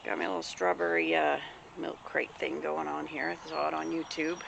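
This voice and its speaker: Folksy Southern woman, very creaky voice. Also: low voice, level tone, fairly quick, dull audio. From the American Deep South. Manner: folksy, homespun, plain-spoken. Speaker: homesteader vlogger. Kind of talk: casual rambling show-and-tell chat. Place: outdoors in a rural yard. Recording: noisy outdoor recording with birds.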